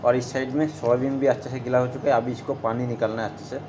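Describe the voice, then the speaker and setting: A man's voice: mid-range voice, level tone, fast talker, highs cut off, noisy background. A man casually narrating his cooking step by step in a home kitchen, talking to his viewers as friends. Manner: chatty, step-by-step, keeps saying "friends". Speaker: cooking vlogger.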